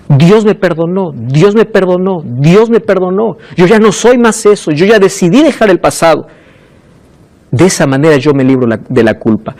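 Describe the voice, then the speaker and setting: A male pastor preaching a sermon, asking the congregation questions and dropping from loud, emphatic peaks to soft, low lines.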